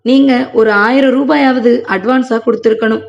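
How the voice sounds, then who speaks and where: A woman's voice: high voice, steady tone, normal speed, vocal fry. A woman reading as a grieving, reproachful wife. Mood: lamenting, reproachful. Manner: reproachful, lamenting. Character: sick, grieving village wife in middle age. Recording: muffled lo-fi recording.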